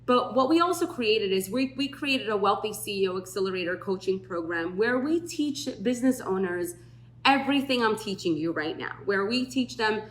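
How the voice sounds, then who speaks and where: Woman, tax firm owner, podcast chat, storytelling, mid pitch, echoey room. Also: lively intonation, moderate pace. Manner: chatty storytelling, acts out quoted voices. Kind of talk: podcast talk. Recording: roomy echo.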